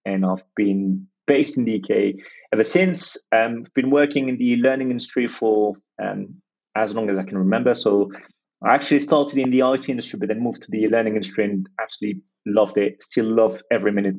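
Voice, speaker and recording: This French man's voice is on the low side, a little fast and a little mellow, and the recording has its highs cut off. Appearing as a podcast guest, he reflects aloud in a hesitant way during a conversational interview, restarting often and using plenty of fillers.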